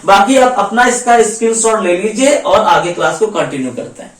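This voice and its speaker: A male teacher with a high, expressive voice walks exam students through a grammar lesson, speaking a little fast. He repeats every rule and answers his own questions. His voice echoes around a reverberant room and sounds some distance from the microphone.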